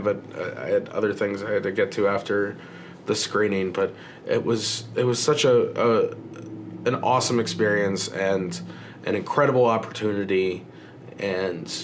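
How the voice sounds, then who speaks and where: Man, casual vlog chat, lots of "uh"s and restarts, slightly low voice, faint hiss. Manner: many fillers and restarts, swears casually. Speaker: filmmaker vlogger.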